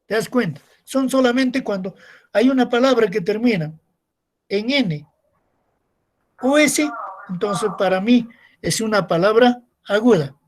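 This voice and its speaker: A male secondary school teacher giving a recorded class, explaining step by step and asking rhetorical questions to his students. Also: very high-pitched.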